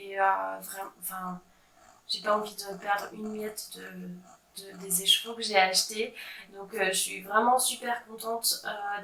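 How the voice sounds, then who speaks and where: A woman's voice: mid-range voice, pushed and bright. A woman in her thirties chatting casually about her knitting projects, with frequent fillers and a self-mocking humor. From France. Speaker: knitting vlogger. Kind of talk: casual show-and-tell chat. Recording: echoey room, voice a bit far from mic.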